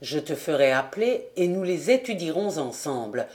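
A woman reading the part of a kindly older male factory director in an audiobook, speaking in a calm, paternal and reassuring way. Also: low voice, moderate pace, pitched below the performer's own voice. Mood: fatherly. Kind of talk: audiobook character voice.

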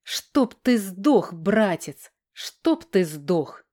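A whiny, spiteful young prince, a younger brother who pleads and sulks in a lifted, strained tone, as a woman reads him in an audiobook. His voice pitches up above her low narrating register. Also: big pitch swings, slow pace. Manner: whining, pleading, raised pitch. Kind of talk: audiobook character voice.

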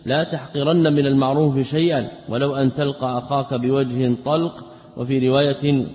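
A man's voice: mid-range voice, fairly even intonation, a little mellow. Male teacher, explanatory lecture, asks and answers his own questions, long hall echo, dull lo-fi sound. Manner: poses rhetorical questions and answers them himself; repeats and spells out word forms deliberately. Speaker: teacher of religious texts. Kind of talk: classroom lecture explaining a text.

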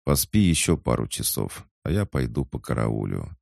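A man's voice: rumbling low, sing-song, normal speed, gravelly, a little mellow, no room sound, clean studio sound, heavily acted. A man voicing a sly, teasing young catgirl who purrs her words in an audiobook. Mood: purring. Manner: purring, mocking.

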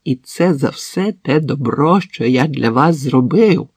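A man reading an audiobook, voicing a drunk, brutal husband who speaks slowly and with mocking menace. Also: fairly high pitch, big pitch swings, a little mellow, slightly rough, no echo, clean studio sound, exaggerated voice. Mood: menacing. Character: drunk, brutal middle-aged husband, sneering. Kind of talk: audiobook narration.

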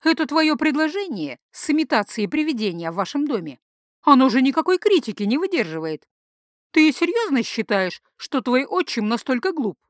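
A woman doing Yulia, a sharp-tongued young woman. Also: on the high side, big pitch swings, moderate pace, dry recording, clean studio sound, voice pushed up. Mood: indignant. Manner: indignant, mocking retorts.

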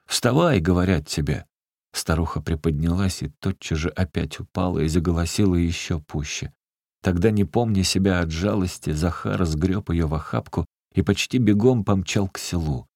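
Man, audiobook narrator, very deep voice, gravelly, dry close recording, measured storytelling. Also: a little mellow, no echo. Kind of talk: scripted literary narration.

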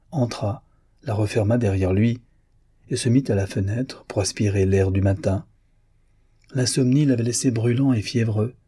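This audiobook of a classic novel is narrated by a man whose lowish voice is slightly rough. He keeps his delivery steady, even and measured.

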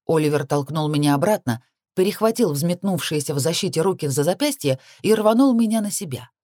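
Low-voiced woman narrating an audiobook. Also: expressive, brisk, darkish tone, dry recording, studio quality. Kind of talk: first-person audiobook narration.

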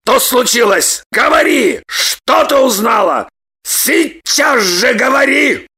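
A hot-tempered man, as a woman reader puts him on, bellowing his lines in a slow, heavy, drawn-out way. The voice is bright and sharp-edged, with pitch that swings widely. It is an audiobook character voice. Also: very animated, heavily acted. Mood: furious. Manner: shouting, drawn-out emphatic delivery.

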